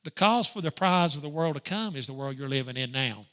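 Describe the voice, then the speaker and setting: A middle-aged man teaching a Sunday school lesson in a preaching style, emphatic and swinging from loud to hushed. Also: on the high side, expressive, brisk. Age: grandparent age, middle-aged or older.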